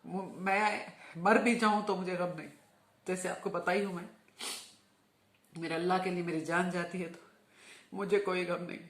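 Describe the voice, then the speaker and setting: A woman's voice: on the low side, steady tone, moderate pace, pauses often. A woman making a fervent, emphatic religious appeal, repeating words for emphasis. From Hyderabad, India. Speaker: religious speaker. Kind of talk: impassioned video appeal. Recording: roomy echo.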